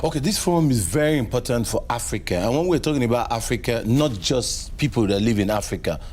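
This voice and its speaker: A man's voice: mid-range voice, lively intonation, fast, a little mellow. A man answering as a guest in an interview, speaking emphatically and repeating phrases for stress.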